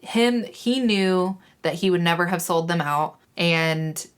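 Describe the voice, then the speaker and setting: A woman's voice: on the low side, slow pace, clear, resonant tone. Woman co-host recapping a story. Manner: explains plot at length, casual swearing. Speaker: podcast co-host. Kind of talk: casual book-discussion chat.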